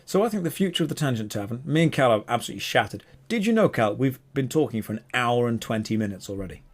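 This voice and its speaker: A man's voice: mid-range voice, expressive, fast. A man co-hosting a casual podcast, talking enthusiastically and wandering off on tangents. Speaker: podcast co-host.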